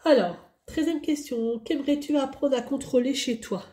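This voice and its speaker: Woman vlogger, casual tag-video chat, candid and rambling, relaxed mellow tone. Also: sits high, moderate pace. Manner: candid, rambling, repeats herself. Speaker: hobby vlogger.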